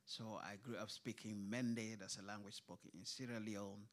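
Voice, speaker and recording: On stage in an event hall, a man who grew up in Kuwait speaks as a writer on a literature panel. His voice is fairly low and fairly even at a normal speed, and he hesitates a lot, with many fillers and restarts.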